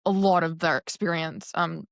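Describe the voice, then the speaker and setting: A woman poet from New York talks through her ideas in an interview, pausing to find the right words as she goes. Her voice sits somewhat low for a woman. The sound is close and dry, with no room around it. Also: steady tone, vocal fry, dry recording. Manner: thoughtful, searching for words. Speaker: poet and guest. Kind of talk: interview conversation.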